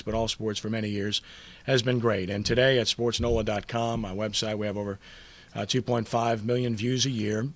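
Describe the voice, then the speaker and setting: Humble man in his fifties giving thanks. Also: lowish voice. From New Orleans. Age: 50s. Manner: humble, storytelling, warm thanks. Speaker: award recipient, sportswriter. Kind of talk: acceptance speech. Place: press conference room.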